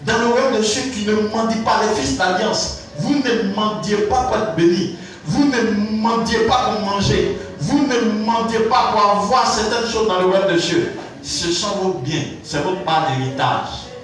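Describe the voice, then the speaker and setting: A man preaching a sermon, telling stories and rising into exclamations. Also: measured pace. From Côte d'Ivoire. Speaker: pastor. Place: large church hall. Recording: booming echo from a distant mic, faint music.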